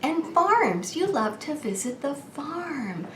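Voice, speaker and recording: With a high, very animated voice and a slow pace, a woman who hosts a children's show gives a birthday greeting full of exaggerated, sing-song party excitement. She asks questions, then answers as if the child had spoken back. The recording was made in an echoey room with faint background noise.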